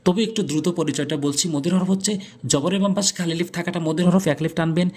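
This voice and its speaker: A man teaching Quran recitation, spelling out Arabic letters syllable by syllable and reciting verses in a drawn-out chant. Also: on the high side, a little mellow. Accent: Bangladeshi Bengali. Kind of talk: tajweed lesson with chanted recitation.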